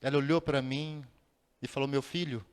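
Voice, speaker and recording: A man giving a spiritist lecture, telling a personal story with dramatic pauses and sudden rises in his voice. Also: mid-range voice, steady tone, clean tone. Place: large lecture hall. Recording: long reverb of a lecture hall.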